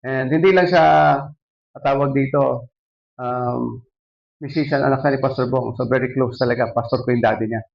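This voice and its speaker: A man's voice: mid-range voice, fairly even intonation, moderate pace, gravelly, long pauses, muffled recording. A male Filipino pastor giving a sermon and asking his congregation questions as he preaches. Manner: switching between Tagalog and English, preaching with questions to the congregation.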